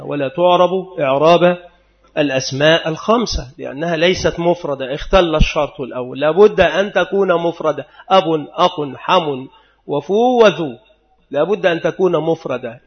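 Methodical male grammar teacher, lo-fi. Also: on the high side. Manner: methodical, repeats rules and slowly sounds out examples. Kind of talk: explanatory lecture. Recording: dull lo-fi recording.

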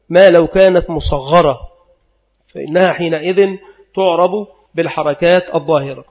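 Male grammar teacher, slightly high voice, methodical and repetitive, dull lo-fi recording. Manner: methodical, repeats rules and slowly sounds out examples. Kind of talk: explanatory lecture.

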